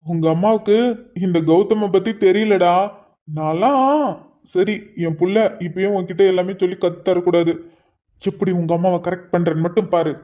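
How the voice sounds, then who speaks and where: A man's voice: sits high, moderate pace, close to an everyday voice. A man voicing a teasing young husband and father in a cartoon, chatty and full of joking asides. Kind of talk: cartoon voice acting. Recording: dull lo-fi recording.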